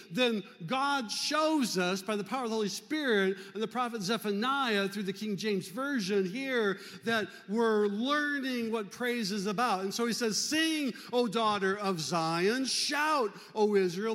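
A male pastor preaching a fervent sermon in a church, urging the congregation to clap and shout. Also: very high voice, long reverb tail. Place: church sanctuary.

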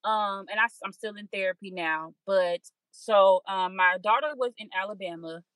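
Bright, candid young woman, dry sound. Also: medium pitch, moderate pace, smooth, dry recording, rough recording. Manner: open, reflective, acts out her own inner voice. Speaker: podcast guest. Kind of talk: candid conversational storytelling.

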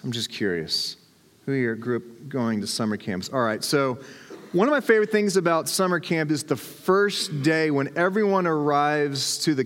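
A man preaching a sermon with a relaxed storytelling manner and self-deprecating humor. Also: fairly high pitch. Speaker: pastor. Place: church sanctuary. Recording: long hall reverb.

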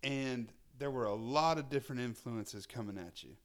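A man in his thirties hosts a casual podcast interview. His voice sits at a middle pitch for a man. He talks informally and agreeably, as in a relaxed conversation. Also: moderate pace. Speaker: podcast host.

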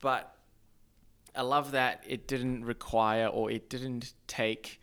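A young man from Zimbabwe raised in Australia, chatting as a guest in a thoughtful, halting way. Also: mid-range voice, little pitch movement, fairly bright tone, clear, resonant tone. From born in Zimbabwe, raised in Australia. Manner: thoughtful, halting, many restarts. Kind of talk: casual podcast chat.

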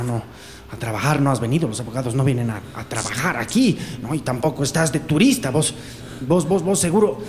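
For a radio drama, an actor with a fairly high-pitched voice and a Bolivian accent plays a jittery male henchman of a crooked butcher, mocking and suspicious as he aggressively interrogates, rambling and repeating himself. The recording carries long reverb plus background noise and ambience.

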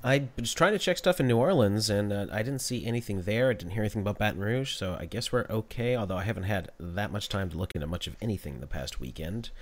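An American man co-hosts a live stream in a distinctly low voice. His delivery is casual and conversational, like unscripted chat. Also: expressive, fast, few pauses.

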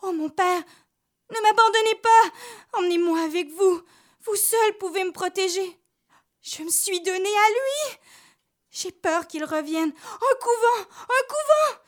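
A woman voicing a terrified young woman begging for protection in a storybook tale. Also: measured pace. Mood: frightened. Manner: pleading, high and frantic.

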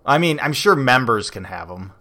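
A man co-hosting a podcast in casual chat, relaxed and rambling, with frequent fillers and restarts. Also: medium pitch, moderate pace. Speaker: podcast co-host.

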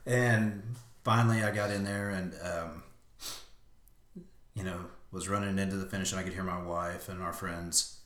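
A man hosting a casual chat, telling his own marathon story in a lively way and shouting when he reenacts his self-talk. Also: deep voice, moderate pace. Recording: roomy echo.

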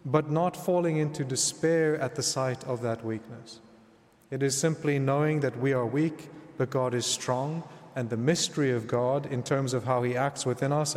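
A man, a priest, reads the gospel aloud and then gives a homily in a measured teaching manner, often checking in with "right?". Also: medium pitch, a little mellow, big-room sound.

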